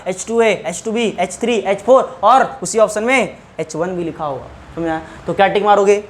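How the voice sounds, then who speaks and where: A man's voice: high voice, slight background noise. A man teaching an online biology class, firing questions at his students, answering them himself and repeating each key term several times. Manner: repeats key terms over and over; mixes English terms into Hindi.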